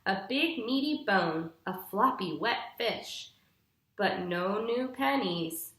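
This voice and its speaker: This is a teacher's read-aloud of a children's picture book: a young woman, animated and fairly bright, going slowly and giving each phrase its time while her pitch moves a lot. It was captured indoors in a small living room, somewhat away from the microphone, with noticeable room echo.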